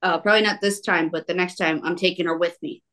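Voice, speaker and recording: Woman telling lively fan anecdotes. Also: lowish voice, quick pace. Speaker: podcast guest. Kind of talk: casual fan podcast chat.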